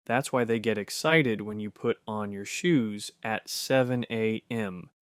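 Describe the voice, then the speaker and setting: A man giving scripted narration for an explainer video, punchy and conversational with quick rhetorical questions. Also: fairly low pitch, smooth, dry recording, clean studio sound.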